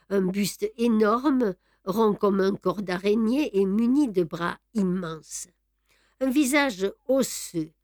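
A woman reads scripted audiobook narration at a slow pace, her medium-pitched voice staying even. The audio is studio quality, with no echo.

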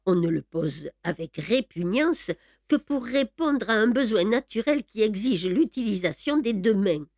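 A woman narrating an audiobook at a measured pace with a wry, understated delivery. Her voice sits in an ordinary middle pitch. The recording is dry and close, with no room sound. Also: lively intonation, darkish tone, no room sound.

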